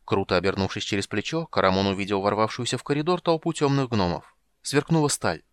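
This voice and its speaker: Brief: male narrator for a fantasy novel, dramatic, fast, dry studio sound. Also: fairly low pitch, clear, resonant tone, dry recording. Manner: brisk, dramatic reading. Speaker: audiobook narrator.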